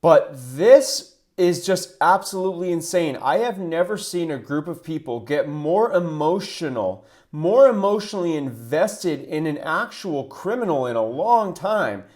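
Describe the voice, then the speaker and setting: Indignant male commentator, slightly high voice. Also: animated, a little slow, darkish tone. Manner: indignant, emphatic. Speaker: political commentator. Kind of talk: opinionated video commentary.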